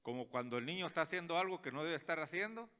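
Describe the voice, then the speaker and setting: Bright-voiced pastor, quiet asides to loud calls. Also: male voice, a little high, lively intonation, fast talker, clean tone. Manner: preaching with rhetorical questions and acted asides. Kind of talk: sermon.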